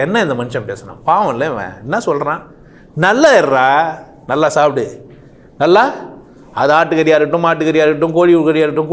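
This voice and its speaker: A man delivering an impassioned monologue, firing off rhetorical questions and swinging his voice up and down sharply. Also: a little high. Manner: animated, rhetorical questions, rising and falling sharply. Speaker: speaker.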